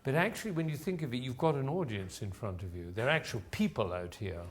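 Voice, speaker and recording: A man's voice: mid-range voice, animated, quick pace. A man teaching a voice masterclass in front of an audience, encouraging the singer and explaining as he goes. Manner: encouraging, explanatory, demonstrates sounds and phrases. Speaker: music teacher giving a voice masterclass. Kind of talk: live coaching of a singer before an audience. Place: room with an audience present.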